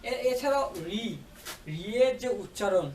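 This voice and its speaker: A male tutor with a very high-pitched, animated voice and a darkish tone takes his time explaining a grammar lesson, pausing often to ask whether students are following. He sits far from the mic in an echoey room, with a little hiss or hum in the recording.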